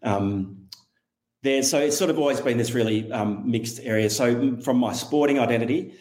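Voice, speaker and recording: A man's voice: mid-range voice, normal speed, darkish tone. A middle-aged Australian man chatting as a podcast guest, rambling and correcting himself as he thinks aloud. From Western Australia. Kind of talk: casual conversational interview.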